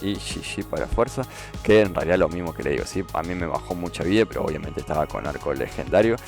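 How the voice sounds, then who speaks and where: A man's voice: low voice, expressive, fast talker. A man giving casual gameplay commentary as a YouTuber, explaining step by step and often checking in with "¿sí?". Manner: explanatory, repeats "¿sí?" to check understanding. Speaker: gaming YouTuber. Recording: faint game music behind.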